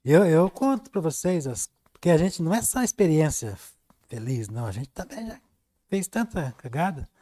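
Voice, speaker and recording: A man's voice: fairly high pitch, sing-song, moderate pace, warm tone. A man with a Brazilian Portuguese accent teaching painting on a live stream, chatting and telling stories while he works. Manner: chatty, storytelling, reads viewer comments.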